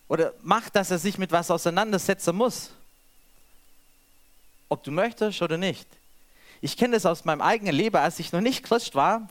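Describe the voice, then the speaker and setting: Male preacher, higher voice, reads scripture then preaches freely. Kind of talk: sermon with scripture reading.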